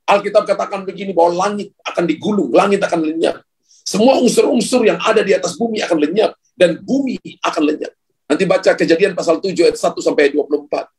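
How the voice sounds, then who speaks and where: A man's voice: sits high, slightly rough. A male pastor preaching a sermon, speaking emphatically and addressing the congregation directly.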